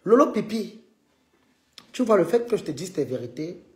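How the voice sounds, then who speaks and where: A man's voice: high-pitched, big pitch swings, normal speed, reverberant. A man hosting a live stream, needling a rival and calling on his viewers in a combative way.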